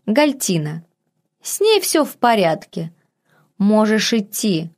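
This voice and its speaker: A woman's voice: medium pitch, big pitch swings, slow. A woman voicing a cocky, sarcastic man who teases and scolds. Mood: mocking. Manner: sardonic, teasing. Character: mocking, cocky young man, sharp-tongued.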